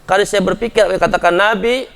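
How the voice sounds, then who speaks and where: A man preaching a sermon to a congregation, talking conversationally and addressing them directly, at times rising to loud impassioned pleading. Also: sits high, fast talker, slight background noise.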